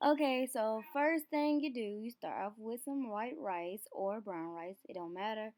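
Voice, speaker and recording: A woman's voice: fairly high pitch, a little slow, a little mellow, rough recording. A young woman hair vlogger giving a casual how-to walkthrough, rambling in a chatty, loose way. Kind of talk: casual how-to vlog narration.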